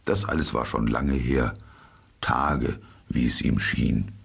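A man narrating a storybook in an expressive, animated way. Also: extremely low pitch, takes it slowly, gravelly, breathy edge. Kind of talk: storybook reading.

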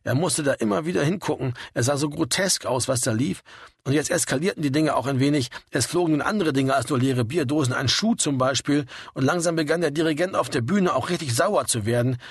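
Husky male storybook narrator. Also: a little high, fairly quick, no room sound, clean studio sound. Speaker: audiobook reader. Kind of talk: scripted narration.

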